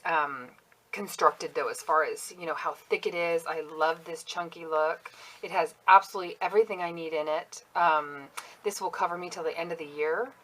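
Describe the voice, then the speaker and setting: A woman with a fairly low voice talks casually through her handmade planner, stopping often with ums and small asides. She is chatty and picks at her own flaws as she goes. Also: a bit bright, poor audio. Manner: chatty, self-critical, full of ums and asides. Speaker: planner crafter vlogger. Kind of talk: casual show-and-tell walkthrough.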